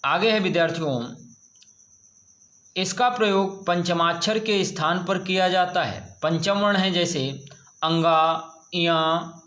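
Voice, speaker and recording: A man's voice: high voice, unhurried, fairly bright tone. A male teacher giving a grammar lesson to students, patiently asking questions and answering them himself. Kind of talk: slow classroom grammar lesson. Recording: echoey room.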